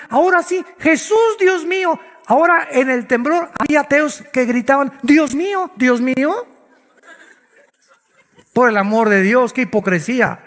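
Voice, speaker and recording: A man's voice: high voice, long reverb tail. A male pastor preaching a dramatic sermon full of rhetorical questions.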